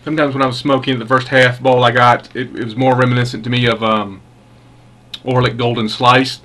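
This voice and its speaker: A man's voice: medium pitch, little pitch movement, a bit bright. Man musing unhurriedly in a casual review. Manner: unhurried, halting, musing delivery. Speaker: pipe tobacco reviewer.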